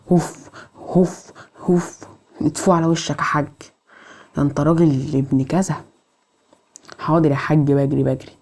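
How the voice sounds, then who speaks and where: A woman with an Egyptian accent giving excitable let's play commentary, scolding the game characters. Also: low-pitched. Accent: Egyptian Arabic. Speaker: gamer.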